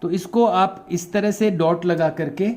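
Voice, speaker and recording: Man, teacher, Rajasthani Hindi accent, classroom lesson, dark mellow tone, spells words letter by letter. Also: sits high, steady tone, unhurried. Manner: explains patiently and repeats terms. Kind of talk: classroom lesson for young pupils.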